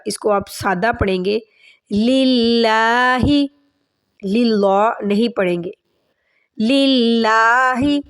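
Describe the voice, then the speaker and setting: A woman teaching a tajweed lesson, patiently correcting mistakes step by step and reciting in a slow, drawn-out chant. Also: mid-range voice. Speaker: Quran teacher.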